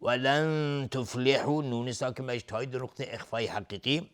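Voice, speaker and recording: A man teaching tajweed, slowly chanting verse phrases and then briefly explaining the pronunciation rules, sometimes trailing off into a whisper. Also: medium pitch, a bit bright. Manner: drawn-out chanted recitation alternating with quick explanation. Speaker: Quran recitation teacher. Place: television studio.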